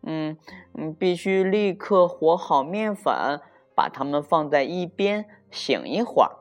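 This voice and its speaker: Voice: medium pitch, big pitch swings, slow pace, faint music behind, pitched above the performer's own voice. A storyteller voicing a bossy young girl rabbit who gives prim, commanding orders in the kitchen.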